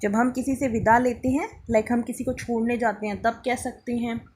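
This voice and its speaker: A woman's voice: a little high, fairly even intonation, normal speed, darkish tone, slight background noise. A woman teaching a beginner English lesson in Hindi, spelling words out letter by letter and prompting learners to repeat after her.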